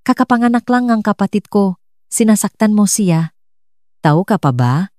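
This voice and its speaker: A woman's voice: medium pitch, animated, moderate pace, dry recording, clean studio sound, close to an everyday voice. A woman playing a raging brother-in-law. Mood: enraged. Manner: shouting threats. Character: furious young man, violent brother-in-law.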